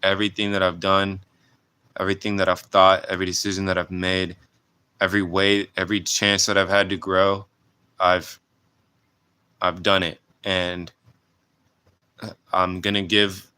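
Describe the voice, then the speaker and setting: A young man in his late twenties speaks in a reflective personal vlog, earnest and halting as he restarts his sentences. His voice sits very low but sounds bright and clean. He stays fairly even in pitch throughout. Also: smooth. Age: 20s. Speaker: vlogger.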